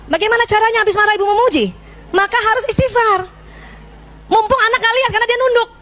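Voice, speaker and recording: Speaking very high and quickly, a middle-aged female parenting speaker delivers an energetic Islamic parenting lecture to an audience of mothers. She addresses them as "Bu" and brings scenes with her child to life by acting them out as she tells her stories.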